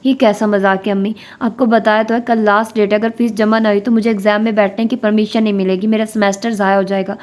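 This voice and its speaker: A woman's voice: mid-range voice, little pitch movement, hardly any pauses, darkish tone, close to an everyday voice. A woman reading the lines of a frustrated young woman student in an audiobook novel. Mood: demanding.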